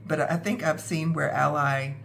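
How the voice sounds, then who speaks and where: A woman's voice: deep voice, flat delivery, moderate pace, creaky, a bit bright. Woman with a scratchy cold-worn voice. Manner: rambling, self-deprecating, with many fillers. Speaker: budgeting vlogger. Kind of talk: casual talk to camera.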